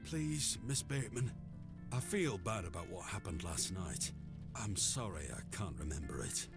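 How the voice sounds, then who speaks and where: An actor playing a coaxing, apologetic town drunk in an adventure game. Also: male voice, sits low, lively intonation, normal speed. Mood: coaxing, sheepish. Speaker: video game character. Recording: game music behind.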